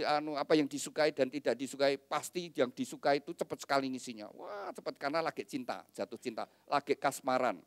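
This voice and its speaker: A man's voice: medium pitch, dry recording. A middle-aged man, a pastor giving a wedding sermon and making joking asides to the couple.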